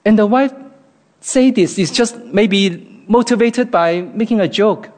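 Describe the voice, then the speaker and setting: A man's voice: high voice, measured pace, darkish tone. A man from Hong Kong with a Hong Kong accent, giving an earnest, reflective devotional talk.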